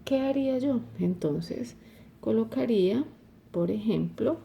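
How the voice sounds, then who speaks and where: A woman's voice: fairly high pitch, expressive, measured pace, vocal fry, warm tone, slight background noise. A woman teaching a chemistry lesson, explaining step by step and often checking with "¿cierto?". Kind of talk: recorded online lesson.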